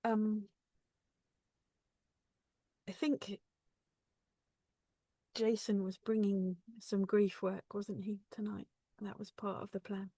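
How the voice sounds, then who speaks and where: A woman reading her own poems at an online book launch, with a measured rhythmic delivery and chatty introductions between poems. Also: medium pitch, flat delivery, mellow, slightly rough, dry recording. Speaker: poet. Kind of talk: poetry reading with spoken introductions. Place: home, online video call. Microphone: video call.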